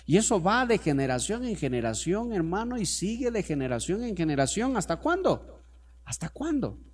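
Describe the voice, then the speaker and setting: A man preaches to his congregation in a high, lively voice whose pitch rises and falls widely. He moves from hushed, slow asides to loud, pressing stretches and calls on the listeners to repeat words after him. It is a pastor's sermon in front of a church congregation. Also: slight background noise. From Ecuador.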